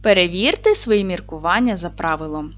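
Lively, clear-speaking woman teacher. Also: fairly low pitch. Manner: slow, clear and encouraging, stretching words for dictation. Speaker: primary school teacher. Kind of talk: video lesson for children.

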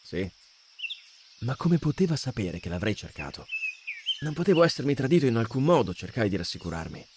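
A man narrating a fantasy novel as an audiobook, reading in an expressive, dramatic way. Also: medium pitch, brisk, background noise. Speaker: audiobook reader.

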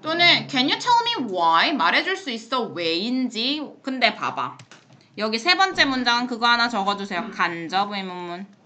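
A woman teaching an English lesson in a classroom, explaining phrases in Korean and reading example sentences slowly, with blunt, playful asides to her students. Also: on the high side, big pitch swings, pushed and bright.

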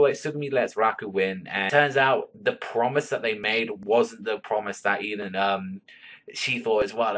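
A man casually reviewing an anime episode, excitable and profane, acting out the characters' lines as he retells the plot. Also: lowish voice.

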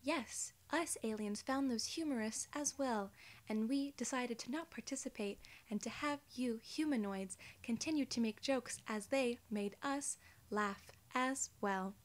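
This ASMR clip features a soft-voiced woman in her 20s acting as a courteous, friendly young alien gatekeeper. She talks near the microphone with careful, formal wording and a slightly high pitch, inside a small room.

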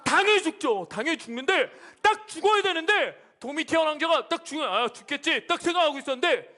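A male pastor giving a children's sermon, telling the story with lively energy and asking the kids questions. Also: very high voice, fast.

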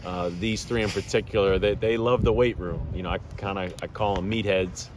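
A head baseball coach in his fifties, with a very low voice, gives a measured postgame interview at a ballpark. He speaks plainly, circling back with fillers and restarts, while steady outdoor noise hums behind him.

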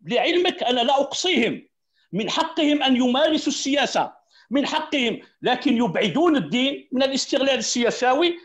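High-voiced Algerian man arguing emphatically. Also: big pitch swings, quick pace, a bit bright. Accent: Algerian Arabic. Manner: emphatic, repeats key words, laughs between points. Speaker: panelist. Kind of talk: heated debate argument.

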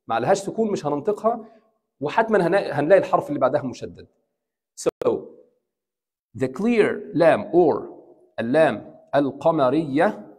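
Egyptian-accented man, imam leading a lecture; fairly high, husky voice, patient and repetitive, long hall echo. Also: a little mellow. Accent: Egyptian Arabic. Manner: explains slowly, repeating examples and asking the class questions. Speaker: imam teaching Quran recitation. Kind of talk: bilingual classroom lecture. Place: mosque hall.

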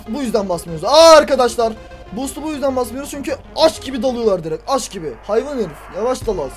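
A man commentating his own gameplay for a video, talking to himself and crying out at what happens on screen. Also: very high-pitched. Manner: excitable, talks to himself and cries out at the game. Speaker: gaming YouTuber. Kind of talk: let's-play commentary.

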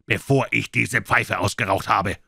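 A man reading an audiobook, voicing a menacing old pirate cook who bellows his threats gruffly. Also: lowish voice, steady tone, measured pace, bright, forceful tone, no room sound, studio quality, exaggerated voice.

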